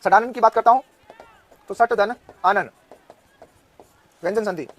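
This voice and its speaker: A man in his thirties with a high voice and a Rajasthani Hindi accent teaches an online exam-prep Hindi class. He's loud and insistent, drilling his students with rapid-fire questions.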